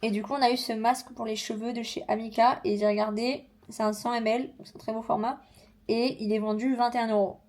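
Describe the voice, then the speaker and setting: A young woman chatting casually in a vlog, unboxing and reviewing makeup with slangy, animated asides. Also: a little high, fast. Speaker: vlogger.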